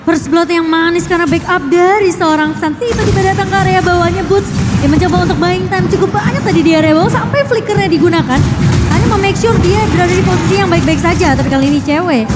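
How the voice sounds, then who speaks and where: A woman with an Indonesian accent calling an esports match like a fighting game announcer, excited and urgent. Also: extremely high pitch, fast. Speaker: esports play-by-play commentator. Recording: loud music and crowd behind. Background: game music and crowd noise.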